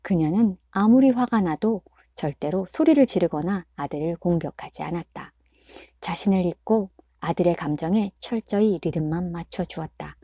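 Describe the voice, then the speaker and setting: A woman reading a book aloud in a calm, measured audiobook narration. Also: fairly low pitch, no echo, studio quality. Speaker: book reader.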